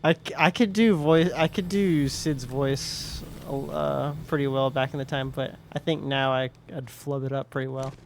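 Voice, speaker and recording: A man's voice: steady tone, moderate pace, vocal fry, few pauses, slight background noise. A man chatting casually while streaming a game, rambling and restarting his sentences. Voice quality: higher voice. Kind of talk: casual gameplay chat.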